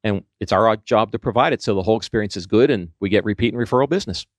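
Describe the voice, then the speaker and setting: Casting: middle-aged man, low voice, quick delivery, dry close sound, storytelling in an interview. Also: dry recording. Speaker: training consultant. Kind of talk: conversational interview.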